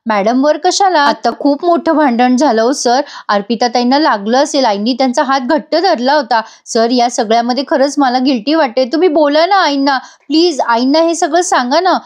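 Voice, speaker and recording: A woman voicing a gentle young wife who pleads and apologizes, feeling guilty. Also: high-pitched, normal speed, few pauses, close to an everyday voice. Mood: pleading.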